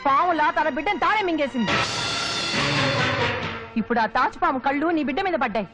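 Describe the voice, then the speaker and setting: An actress playing a scheming, sharp-tongued middle-aged mother who curses and scolds. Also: sits high, expressive, fairly quick. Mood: bitter scolding. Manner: scolding, cursing, melodramatic. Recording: dull film audio with music.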